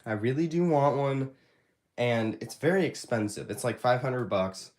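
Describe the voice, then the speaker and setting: Hosting a relaxed live Q&A for his YouTube audience, this young man has a medium-pitched, slightly mellow voice with lively intonation at a normal speed. His allergies leave him sounding stuffy, and he meanders with many hesitations and fillers, captured on a handheld phone camera.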